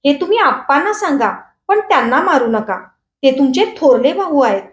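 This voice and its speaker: A woman reading as a gentle, pleading young widow. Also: high-pitched, animated, normal speed, echoey room. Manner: pleading, earnest. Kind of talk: storybook reading.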